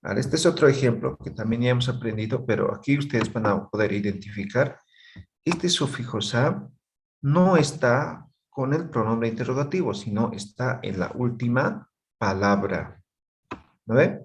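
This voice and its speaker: A man's voice: medium pitch, lively intonation, normal speed. A man teaching a language class, explaining patiently and often checking that students follow. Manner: patient, checks understanding with frequent tag questions.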